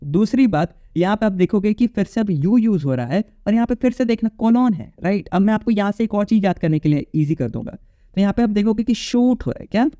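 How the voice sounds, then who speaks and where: A man's voice: sits high, animated, brisk, warm tone, dry recording, highs cut off. A male English teacher giving a casual exam-prep phonetics lecture, repeating points and checking in with his students. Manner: casual, repetitive, checks in with "okay?".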